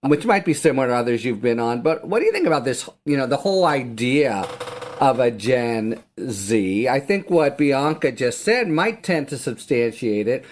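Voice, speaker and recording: A man hosting a political podcast who reads a formal introduction and then asks his guests questions in a measured, articulate way. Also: medium pitch, sing-song. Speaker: podcast host.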